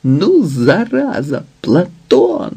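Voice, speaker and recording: A man reading an audiobook, voicing an excited adult man who shouts urgent orders. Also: on the high side, very slow, husky, exaggerated voice. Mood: urgent shouting. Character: excited, rough-spoken grown man.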